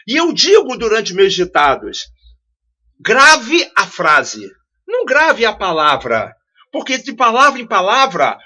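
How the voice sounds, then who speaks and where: Lively high-voiced male teacher. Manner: didactic, rhetorical questions, repeats key phrases. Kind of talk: classroom-style video lesson. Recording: dull lo-fi audio.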